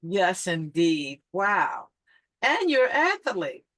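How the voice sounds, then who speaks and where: A woman's voice: on the low side, very animated, slow pace, a bit bright, dry recording. A woman hosting an interview show, introducing her guest with upbeat enthusiasm and asking questions. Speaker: podcast host.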